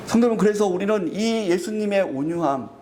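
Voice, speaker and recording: A man's voice: sits high, animated, quick pace, a little mellow, slight background noise. A male pastor delivering a sermon in an earnest preaching manner, acting out everyday examples for the congregation.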